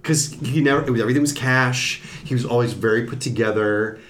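A former TV executive appears as a podcast guest, telling a story in casual conversation with a fast, medium-pitched voice. He's animated and acts out the voices of the people he quotes. There's slight background noise.

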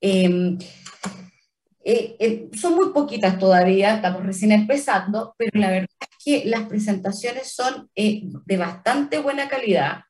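A woman's voice: mid-range voice, a little slow, a little mellow, distant mic. A woman with a Chilean accent, a trademark office official answering interview questions carefully, with many fillers and restarts. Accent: Chilean Spanish.

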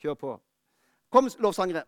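A high-voiced man preaches with fervour, pressing hard and then easing into close, personal words. His tone is smooth and resonant, and the sound is dry and close to the mic, with little room around it. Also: big pitch swings, no echo. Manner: fervent preaching that drops to quiet, intimate talk. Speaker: pastor. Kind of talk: sermon. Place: church.

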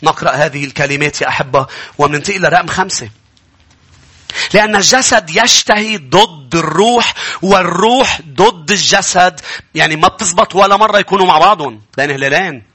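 A male pastor with a Lebanese accent preaching a sermon, swinging between low earnest tones and high emphatic bursts. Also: fairly quick, sharp tone, breathy edge.

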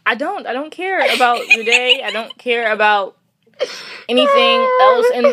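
Sarcastic ranting young woman, lively pitch. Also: normal speed, very noisy. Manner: sarcastic, ranting, swears freely. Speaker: podcast co-host. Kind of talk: casual chat.

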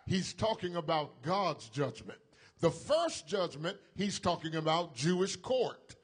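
A man's voice: fairly high pitch, very animated, slightly rough. A male preacher delivering a sermon in an emphatic preaching style, calling on the congregation to repeat after him. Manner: slow, emphatic preaching with call-and-response to the congregation.

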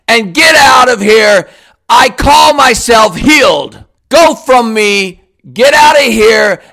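A man declaring a healing prayer in a commanding, forceful way, with repeated shouted declarations. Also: very high voice.

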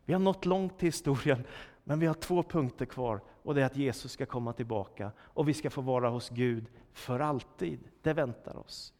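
A man's voice: mid-range voice, darkish tone. A man preaching a sermon, emphatic and full of rhetorical questions, his voice swelling and dropping for effect. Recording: long church-hall reverb.

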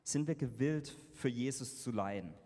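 A man interpreting a sermon live into German, halting and correcting himself as he goes. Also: medium pitch, mellow. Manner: halting, with fillers and self-corrections. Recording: reverberant hall sound.

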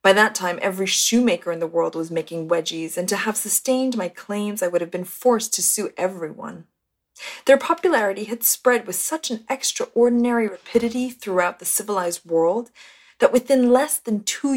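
A woman narrating a first-person memoir as an audiobook in a measured, steady storytelling manner. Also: medium pitch. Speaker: audiobook reader.

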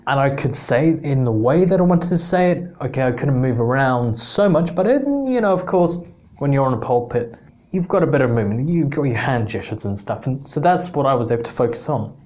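Guy from england rambling through a story, lots of restarts, laughs at himself, middle-pitched voice. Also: animated, a little fast, darkish tone. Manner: rambling, many restarts, self-mocking laughs. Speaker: podcast host. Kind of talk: casual storytelling.

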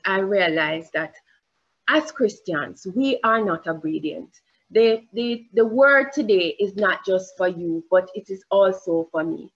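A woman with a Jamaican accent preaches a sermon in church, deliberate and emphatic, her voice rising on questions and pausing with fillers while she searches for words. Her voice is mid-range and a bit bright, and the sound is lo-fi.

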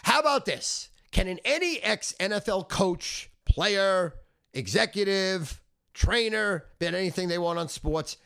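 Cocky, brash man with wildly swinging pitch. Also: lively intonation, measured pace, creaky, fairly bright tone, smooth. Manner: smug, cocky, boastful; brash, foul-mouthed, emphatic. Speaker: sports betting handicapper. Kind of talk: ranting sales monologue.

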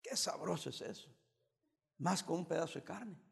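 Pastor guy from el salvador joking thru a sermon, high gravelly voice, big echoey hall. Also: moderate pace. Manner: playful, teasing preaching with bursts of emphasis.

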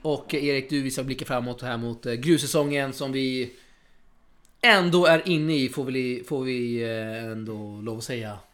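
Male podcast host, chatty, quick asides, mid-pitched voice. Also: steady tone, fairly bright tone. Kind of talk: casual tennis podcast chat.

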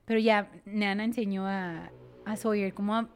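A woman's voice: moderate pace, slight background noise. Mexican woman telling a story in a chat. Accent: Mexican Spanish. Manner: drops to a breathy near-whisper at tense moments; animated, acts out quoted voices louder and higher. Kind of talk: casual chat, personal storytelling.

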